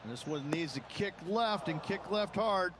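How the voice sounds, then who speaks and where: A golf analyst for video game commentary. His voice sits fairly high for a man, and he explains in a conversational way over clear background noise. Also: expressive, measured pace. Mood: explanatory.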